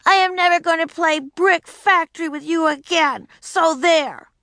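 A woman reading aloud, voicing an indignant, proud first-grade girl who shouts and insists. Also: extremely high pitch, sing-song, a little slow, dry recording, clean studio sound, voice pushed up, heavily acted. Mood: furious.

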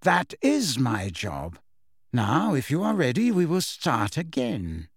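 A man voicing a cold, sneering middle-aged male potions master who talks in a slow, low, menacing drawl. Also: huge pitch swings, breathy edge, dry recording, studio quality, heavily acted. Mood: cold satisfaction.

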